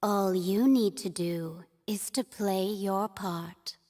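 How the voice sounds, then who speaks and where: A woman playing a solemn, cryptic figure in a fantasy video game, speaking in measured, formal, portentous phrases. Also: mid-range voice, fairly even intonation, mellow. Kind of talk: video game cutscene voice acting.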